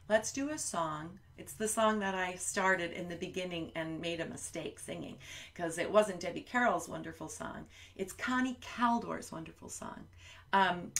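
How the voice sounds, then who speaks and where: A woman from the United States hosts a children's sing-along, speaking slowly and gently. She is playful and talks straight to the kids at home, picked up on a camera mic. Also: fairly high pitch. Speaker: children's musician.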